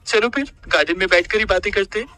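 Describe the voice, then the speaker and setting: A man's voice: sits high, fast, pushed and bright, voice pushed up. A man voicing a coy, scheming young woman. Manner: coy and sugary.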